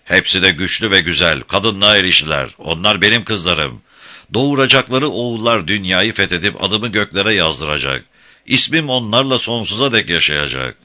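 A man's voice: sits low, lively intonation, normal speed, pushed and bright, exaggerated voice. A man roaring as Beşvayo, a proud tyrant king. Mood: boastful roaring. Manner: bellowing, mocking, boastful. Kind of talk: audiobook character voice.

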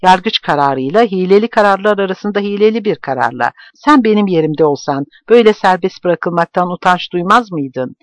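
A man's voice: high-pitched, lively intonation, fairly quick, hardly any pauses, no room sound, studio quality, pitched above the performer's own voice. A man voicing a worn-out, stubborn man with a trembling voice, bitter and resolute. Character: gaunt weary man, stubborn ex-prisoner.

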